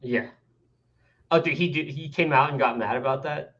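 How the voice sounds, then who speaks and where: A man in casual gaming chat, chatty and rambling, often doing quick impressions of others. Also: mid-range voice, fairly bright tone. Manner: chatty, rambling, mimics people. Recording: dull, muffled mic.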